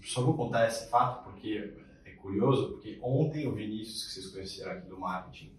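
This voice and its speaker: A man hosting a casual podcast, joking and animated as he keeps the talk going. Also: lowish voice, brisk, far from the mic, a little hiss or hum. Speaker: podcast host. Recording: roomy echo, off-mic.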